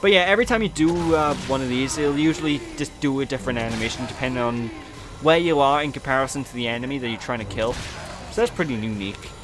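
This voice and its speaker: A young Welsh man giving chatty, animated let's play commentary over a video game. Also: mid-range voice, fast talker. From Wales. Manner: chatty, animated, prone to silly put-on voices. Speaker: gaming channel host. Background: game music and sound effects.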